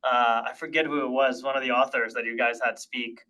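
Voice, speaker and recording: A man's voice: medium pitch, fairly even intonation, fairly quick, bright, forceful tone, low-quality recording. A man in his thirties, born in Honduras, talking as a podcast guest in a reflective, casual way with many fillers and restarts. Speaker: podcast guest, tech partnerships leader. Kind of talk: casual interview chat.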